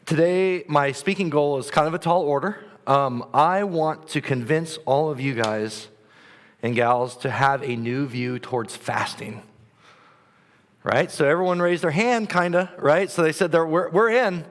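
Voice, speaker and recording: A man with a fairly high voice delivers a casual, conversational sermon at a measured pace in a church sanctuary. He's keyed up and joking, full of filler words and restarts, and the recording carries the long hall reverb of a church.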